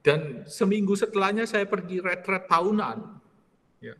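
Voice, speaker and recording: A man in his forties, a priest leading a retreat, telling a personal story in a lively way and tagging his sentences with "ya". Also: high-pitched, measured pace, long reverb tail.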